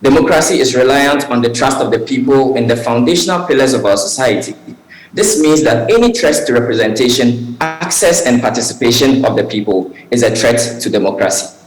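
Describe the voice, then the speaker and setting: Man giving a formal remote pitch. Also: reverberant, poor audio. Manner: formal, measured delivery. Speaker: startup founder and CEO. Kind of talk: scripted pitch. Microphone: video call.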